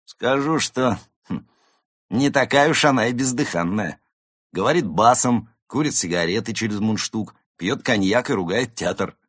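A man voicing a polite, timid young tomcat with mild, low-key replies in an audiobook. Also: expressive, moderate pace, a bit bright, husky, dry recording, studio quality. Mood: boastful.

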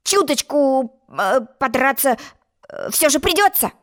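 A woman's voice: fairly high pitch, animated, normal speed, a bit bright. A woman reading a storybook, voicing a timid, anxious little warrior who hesitates as he speaks. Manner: hesitant and worried.

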